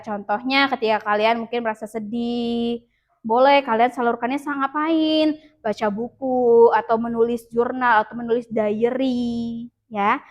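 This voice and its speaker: A woman school counselor with an Indonesian accent giving a classroom lesson, patiently leading students through slow breathing and acting out what children might say. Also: on the high side.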